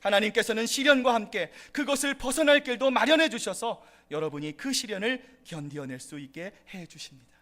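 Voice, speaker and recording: A man's voice: sits high, lively intonation, brisk, hardly any pauses, pushed and bright. A man preaching a sermon as pastor at a church service, addressing the congregation and rising into impassioned outbursts.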